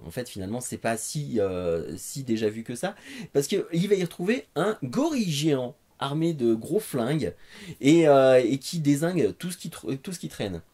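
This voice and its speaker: A man's voice: mid-range voice, warm tone. Frenchman in casual talk, mid-range voice. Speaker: host of a comics recommendation show. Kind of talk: casual review talk to camera. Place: living room with bookshelves.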